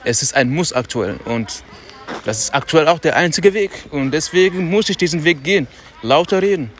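A man hosting a podcast in a casual, motivational monologue, talking loudly on purpose in a loose, self-talking way with slangy asides, outdoors on a city street. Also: medium pitch, a little hiss or hum. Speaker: podcast host.

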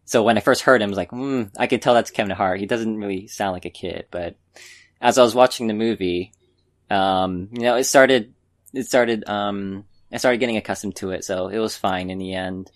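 He's a podcast co-host with a fairly low voice and moderate pace, chatting casually in an informal film review. His opinions come out hesitant and meandering.

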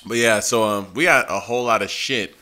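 A man's voice: on the low side, a little fast, bright, forceful tone. A man co-hosting a podcast in casual chat, swearing and laughing often. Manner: loose, profane, laughing often. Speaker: podcast co-host.

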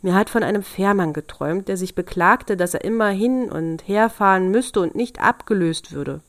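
A woman's voice: mid-range voice, moderate pace, dry recording, lightly acted. Shrewd kindly old grandmother, soothing and coaxing, read by a woman, storybook reading, dry sound. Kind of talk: fairy-tale reading.

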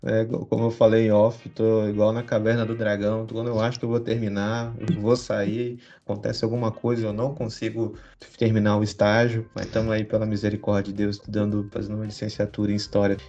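A man's voice: on the low side, completely flat delivery, brisk, few pauses, mellow, muffled recording. A man hosting a podcast in a slangy, joking, informal way. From Cariacica, Espírito Santo, Brazil. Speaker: podcast host. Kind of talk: casual, slangy chat.

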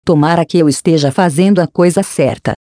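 A timid little girl in an audiobook asks shy, unsure questions, as a narrator puts her on. The voice is mellow and close, with a dry sound. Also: medium pitch, fairly quick, dry recording, lightly acted. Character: young girl, lost and unsure.

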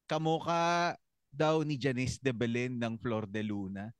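A man's voice: medium pitch, steady tone, a little slow, clear, resonant tone, dry recording. A man co-hosting a casual podcast chat, reading listener comments aloud and joking with friends. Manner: reads comments aloud, jokey and laughing. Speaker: podcast co-host.

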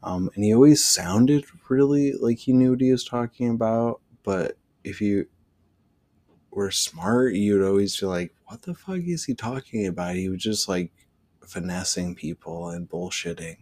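A man's voice: low-pitched, steady tone, measured pace, darkish tone. A man hosting a podcast, telling a rambling personal story casually, with frequent swearing and filler words. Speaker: podcast host.

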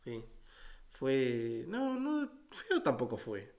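A man with a Uruguayan Spanish accent in a casual, darkly joking conversation, wry and deadpan. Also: medium pitch, very slow. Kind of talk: casual dark-humored chat.

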